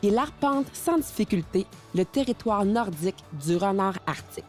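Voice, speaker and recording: A woman's voice: mid-range voice, expressive, normal speed, a little mellow. A woman reading scripted narration as the narrator of a wildlife documentary. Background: faint music.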